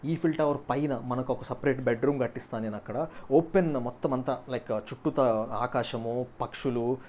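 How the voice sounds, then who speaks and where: A man voicing a smooth-talking young playboy who makes grand, sweet-talking promises. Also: medium pitch, fairly quick, darkish tone, slight background noise, pitched below the performer's own voice, natural voice. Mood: boastful.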